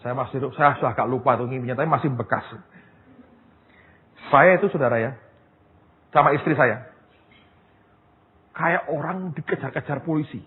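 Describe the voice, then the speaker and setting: A man preaching a sermon as pastor, telling stories in a lively way and often turning to his listeners as brothers and sisters. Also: mid-range voice, normal speed, long pauses. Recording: tinny phone-like sound, long hall reverb, faint noise.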